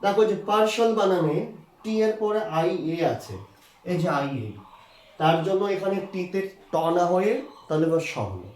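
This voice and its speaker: High-voiced man teaching, echoey room. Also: lively intonation, normal speed, a little mellow. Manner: patient, repeats points, asks and answers own questions. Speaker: English pronunciation teacher. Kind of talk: explaining lesson to students.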